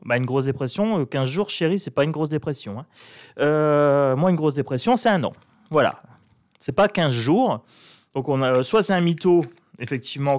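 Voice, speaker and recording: A man with a northern French accent talks through a tarot spread in a loose, chatty way, throwing in mocking asides. His voice sits a bit high for a man. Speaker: tarot card reader. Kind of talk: casual tarot reading monologue.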